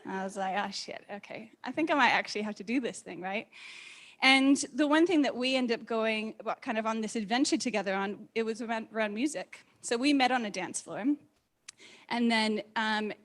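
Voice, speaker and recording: This thirty-something woman shares candid personal stories with a live crowd at a community meetup, animated and casual, voicing her own thoughts as she quotes them. Her mixed accent resists placement, reading as neither clearly American, New Zealand nor Australian. Her pitch is a little high and her pace fairly quick.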